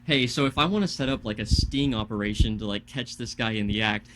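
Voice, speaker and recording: A man's voice: lowish voice, a little fast, a bit bright, slight background noise. A young man co-hosting a casual podcast, telling a story in a heated, profane way. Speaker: podcast co-host.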